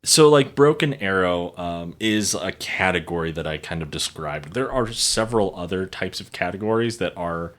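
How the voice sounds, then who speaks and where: A man's voice: low voice, animated, normal speed, hardly any pauses, fairly bright tone. A man co-hosting a podcast, telling a story in a playful, casual way and laughing often. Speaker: podcast co-host. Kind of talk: casual chat.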